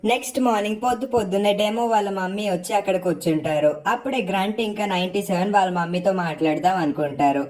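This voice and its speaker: Woman retelling a drama plot super fast, brisk storyteller vibe. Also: medium pitch, a little mellow. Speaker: drama recap narrator.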